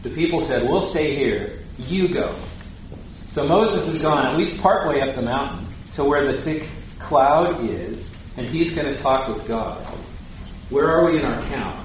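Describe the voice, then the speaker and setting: A man's voice: mid-range voice, expressive, normal speed, slight background noise. A man teaching the Bible in a conversational way, putting questions to his listeners and paraphrasing scripture in casual words. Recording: very echoey room, faint ambience.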